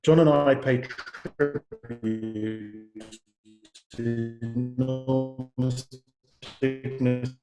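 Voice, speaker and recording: A man speaks from an echoey room through a video call, his audio choppy and breaking up. He delivers measured, formal remarks in a mid-range voice, with halting fillers between phrases. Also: medium pitch, fairly even intonation, music in the background. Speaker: panel speaker for investors. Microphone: computer mic on a video call.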